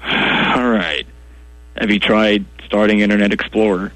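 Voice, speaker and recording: A man's voice: fairly low pitch, fairly even intonation, fairly bright tone, no room sound, low-quality recording. A man playing a clueless, defensive tech support guy who sighs and gets baffled by simple questions. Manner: slow, baffled, defensive, sighing. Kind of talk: comedy sketch acting.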